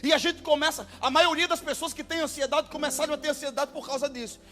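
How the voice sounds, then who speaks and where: A male pastor with a Brazilian Portuguese accent delivers an impassioned sermon. His voice sits very high and rings bright and sharp, and he often breaks into shouted exclamations over faint music. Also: steady tone, quick pace.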